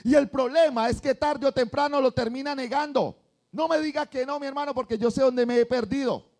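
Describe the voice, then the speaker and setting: A male pastor, preaching an animated sermon and acting out the voices of churchgoers. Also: very high voice, a little fast.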